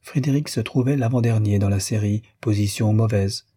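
Man with a dark husky narrating voice. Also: lowish voice, normal speed, no echo, clean studio sound. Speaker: audiobook narrator. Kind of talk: scripted literary narration.

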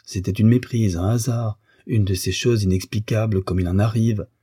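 A man reading a classic novel aloud in a measured, even way. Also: on the low side, breathy edge, no echo, studio quality. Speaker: audiobook narrator. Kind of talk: scripted literary narration.

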